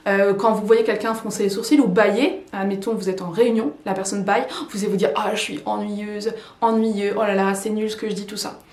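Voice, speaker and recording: A young adult French woman coaching English learners in a lively, chatty way with many fillers. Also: medium pitch. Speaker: English teacher and YouTuber. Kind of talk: casual coaching talk to camera. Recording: echoey room.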